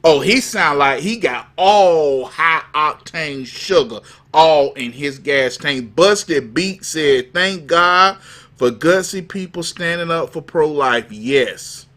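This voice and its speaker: A man's voice: a little high, animated, takes it slowly, fairly bright tone. A man hosting a live commentary show, talking to his viewers in a folksy, mocking way over news clips. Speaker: livestream commentary host.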